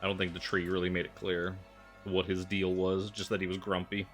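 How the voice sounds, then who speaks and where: A man's voice: low voice, completely flat delivery, brisk, faint music behind. A man chatting casually as a player during a tabletop role-playing game.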